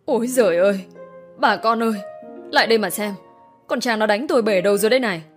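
A woman's voice: medium pitch, lively intonation, brisk, soft background music, close to an everyday voice. A woman voicing a vulgar, abusive middle-aged mother who curses harshly and scornfully. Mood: wailing.

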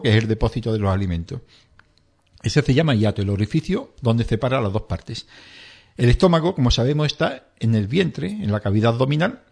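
A man's voice: mid-range voice, vocal fry, darkish tone. A middle-aged man talking as a doctor on a radio health segment. He explains things plainly with homely examples and acts out what patients say.

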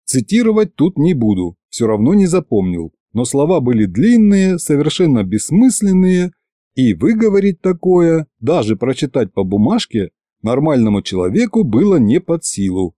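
A man reads an audiobook with lively, expressive storytelling. His voice is mellow and warm, and it sits dry and close to the mic. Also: fairly high pitch, normal speed, no room sound. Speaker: audiobook reader. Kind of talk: scripted narration.

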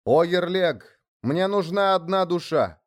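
A man puts on a calm, stubborn shaman in a storybook tale, pitched higher than the narration and humble in tone. He chants with a clear, ringing voice and keeps a steady resolve. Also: normal speed, lightly acted. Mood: chanting.

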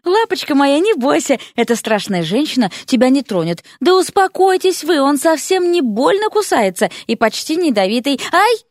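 A woman's voice: fairly high pitch, huge pitch swings, moderate pace, hardly any pauses, dry recording, clean studio sound, pitched above the performer's own voice. A woman doing Polya, a gleeful creepy young man. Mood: cooing. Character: creepy cheerful male poisoner student.

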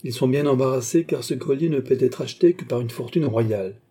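A man voicing a cold, haughty Portuguese male schemer in an audiobook, raised in pitch and delivered with icy self-importance. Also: a little fast, warm tone, slightly rough, close to an everyday voice.

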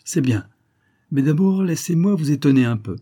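A man's voice: a little high, animated, moderate pace, mellow, breathy edge, voice pushed up. A man reading aloud plays a cunning disguised adventurer who speaks with sure, commanding knowingness. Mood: knowing.

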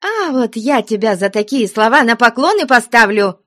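A woman voicing a good-natured older nun who scolds the convent girls in a high, indignant voice. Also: big pitch swings, measured pace, a little mellow, dry recording, studio quality. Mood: furious. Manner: scolding, shrill, scandalized.

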